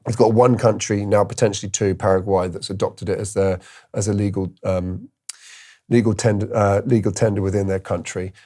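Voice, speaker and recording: Man, crypto video host, casual commentary, mellow tone, fillers and restarts. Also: fairly low pitch, steady tone, a little fast. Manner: thinking aloud with restarts and fillers. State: tired, yawning.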